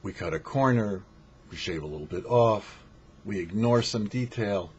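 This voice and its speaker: Hosting a weekly Torah portion show, a rabbi gives a short religious lesson, teaching emphatically and didactically with rhetorical questions. His voice is on the low side at a normal speed, and the audio is dull and lo-fi with faint noise.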